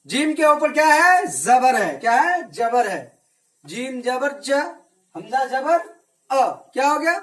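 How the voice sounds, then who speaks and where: A man's voice: very high-pitched, sing-song, fairly bright tone. Man teaching children, quizzing and repeating. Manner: asks questions and answers them himself; slow, repetitive drilling. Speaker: religious teacher. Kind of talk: Arabic reading lesson for children.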